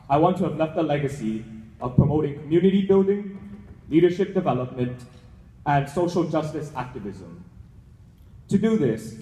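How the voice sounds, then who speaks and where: A man's voice: fairly high pitch, warm tone. A young man with a Hawaiian accent giving a prepared, formal speech as a student. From Hawaii, United States. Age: young adult. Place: large indoor event hall. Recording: echoey hall with long reverb.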